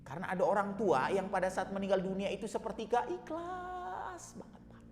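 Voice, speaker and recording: A male Islamic preacher delivering an emotional sermon, swinging from soft murmurs to loud exhortation. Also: high voice, quick pace, big-room sound, a little hiss or hum.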